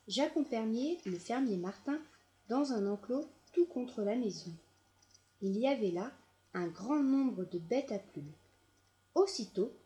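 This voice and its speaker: A woman reading a children's audiobook aloud in a gentle, measured storytelling manner. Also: a little high. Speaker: storybook narrator.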